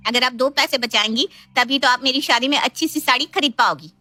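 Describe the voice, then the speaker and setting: A sharp-tongued young woman from a cartoon story, whining and bossing in a high, squeaky voice, put on by a woman narrator. The voice is dry and close, with no room around it. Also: a little fast, no echo. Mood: bossy.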